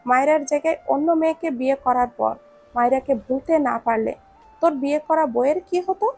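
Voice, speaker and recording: A woman's voice: sits high, a little fast, darkish tone. A woman voicing a nosy, teasing young man in a read-aloud romance story, chatty and full of questions.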